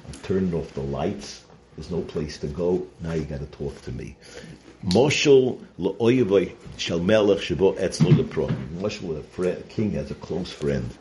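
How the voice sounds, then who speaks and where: A rabbi with a low, mellow, animated voice delivers an informal Torah lesson, speaking conversationally with hesitations, repeated phrases and rhetorical check-ins. Slight background noise can be heard.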